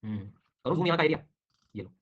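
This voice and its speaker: A man runs an online geography class, talking very fast and calling on students by name. His comes through as he explains and questions them. The recording is dull and lo-fi. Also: fairly high pitch, lively intonation, a bit bright, slightly rough. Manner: brisk, quizzing students by name. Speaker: teacher.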